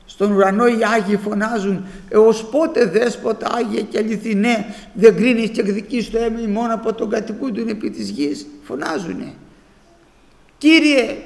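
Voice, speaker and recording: A man's voice: sits high, creaky, darkish tone, reverberant, in a large hall. A man preaching a sermon with fervour, his voice rising into exclamations as he speaks.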